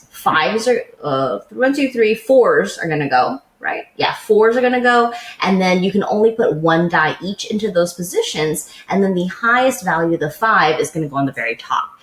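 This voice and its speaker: A woman co-hosting a podcast chats casually about board games, walking through the rules step by step. Her voice is on the low side with a fairly bright tone, and the sound is roomy.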